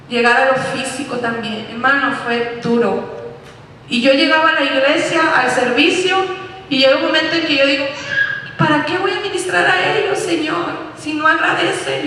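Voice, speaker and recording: A woman pastor preaches with emotional intensity, pausing for weight between phrases. Her voice sits high and rings bright. It reaches the mic from a distance, washed in the long reverb of a church hall. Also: a little hiss or hum. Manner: impassioned, emotional preaching with dramatic pauses. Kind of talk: sermon. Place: church sanctuary. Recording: echoey church hall from far off.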